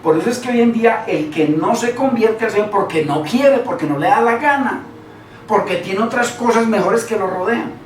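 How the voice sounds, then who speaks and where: A man's voice: sits high, moderate pace. A man preaching a sermon in a conversational way, repeating words and putting rhetorical questions to the listeners. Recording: echoey room, voice from far off, faint noise.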